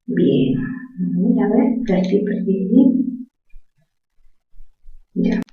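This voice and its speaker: A woman teacher talks slowly and deliberately, working through each example step by step. She sounds far from the microphone, in a very echoey classroom, with dull, muffled sound. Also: mid-range voice, animated. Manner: patient, asks questions and answers them herself. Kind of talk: spelling lesson to students.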